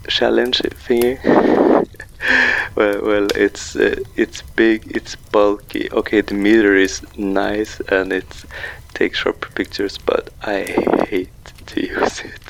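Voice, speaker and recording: A man leaving a casual, halting voicemail, full of fillers, played back from an answering machine over a landline. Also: lowish voice, little pitch movement, vocal fry, rough recording. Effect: voicemail message played back over a landline answering machine. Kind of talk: casual rambling message.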